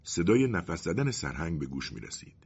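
A man narrating a story in an expressive, dramatic way with a husky voice. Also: low voice, highs cut off.

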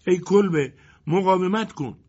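A frightened little boy from a storybook cries out in a high, strained voice, as a man puts him on. His voice is husky and swoops a lot. The recording is muffled and lo-fi. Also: big pitch swings. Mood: desperate calling. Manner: high, crying out.

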